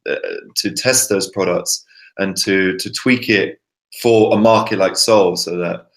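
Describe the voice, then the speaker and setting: Low-voiced man chatting haltingly. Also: steady tone. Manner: halting, repeats words. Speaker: host. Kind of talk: casual chat.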